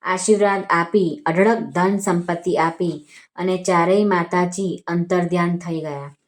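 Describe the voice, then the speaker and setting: Female storyteller, Gujarati accent, slightly low pitch, steady measured devotional narration. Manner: calm, measured reading with quoted dialogue lines. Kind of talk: devotional vrat katha narration.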